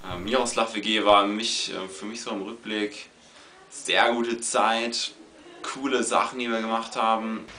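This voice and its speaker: A man's voice: lowish voice, level tone, measured pace, crowd noise. An eighteen-year-old man asks his housemates easygoing questions on camera. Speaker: interviewer. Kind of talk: casual interview questions.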